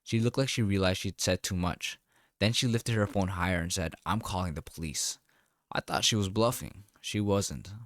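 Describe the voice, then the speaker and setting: A man narrating a first-person story in a calm, wry, deliberate way. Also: low-pitched, no room sound, clean studio sound.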